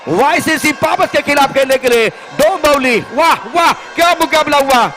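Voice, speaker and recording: A man with an Indian accent giving excited, exclamatory live cricket commentary as the match unfolds. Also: extremely high pitch, normal speed, a faint crowd.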